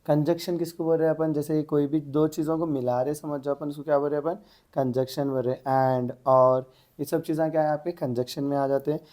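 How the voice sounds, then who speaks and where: A man's voice: a little high, little pitch movement, brisk, warm tone. A man teaching an exam-prep English grammar lesson, asking the class questions and answering them himself.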